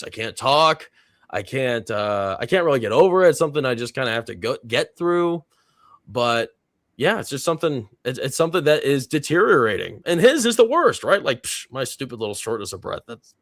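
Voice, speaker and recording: A man's voice: medium pitch, fairly bright tone, dry recording, studio quality. A man hosting a casual live movie reaction stream. He reads viewer comments aloud and rambles with plenty of fillers. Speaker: host of a movie reaction panel.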